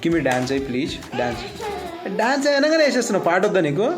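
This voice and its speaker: Low-voiced woman in teasing baby talk. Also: big pitch swings, quick pace, over music. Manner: teasing, sing-song, coaxing a toddler. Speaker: vlogger and mother.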